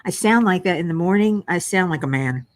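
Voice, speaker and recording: Livestreaming from her home workspace, an older woman chats casually, answers viewers and reads chat names aloud, often poking fun at herself. She speaks expressively and a little fast, her voice occasionally dipping low and raspy from a frog in her throat.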